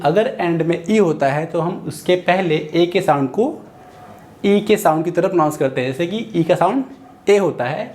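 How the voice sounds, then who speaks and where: A man with an Indian accent teaching English phonics in Hindi, sounding out words slowly syllable by syllable and repeating each one. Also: high-pitched, darkish tone. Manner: slow, syllable-by-syllable drilling. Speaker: English tutor. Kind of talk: phonics lesson, slow repetition.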